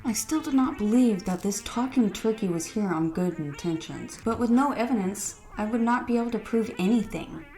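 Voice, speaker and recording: A woman's voice: mid-range voice, expressive, moderate pace, few pauses, warm tone, reverberant, faint music behind. A woman narrating a scary holiday story in a dramatic, earnest reading. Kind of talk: scripted horror story narration.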